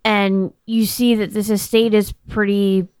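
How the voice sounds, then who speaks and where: A woman's voice: mid-range voice, flat delivery, measured pace, darkish tone, clean tone, no room sound. A woman narrating scenes as game master in a casual tabletop podcast.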